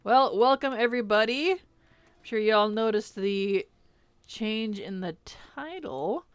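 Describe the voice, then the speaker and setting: A woman's voice: fairly high pitch, animated, takes it slowly, clean tone, no echo. A woman streamer greeting chat casually, laughing often and muttering to herself while she fixes settings. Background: faint music.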